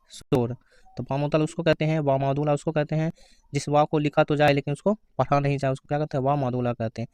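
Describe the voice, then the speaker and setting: Give me a man teaching an exam-prep grammar lesson in a fairly high, clear voice, recorded dry and close. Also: a little mellow, dry recording. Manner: asks questions then answers them himself; reads answer options slowly.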